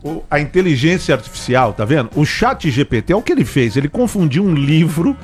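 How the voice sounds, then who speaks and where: Wry joking man with lively pitch. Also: a little fast, faint music behind. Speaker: co-host. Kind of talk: casual news chat.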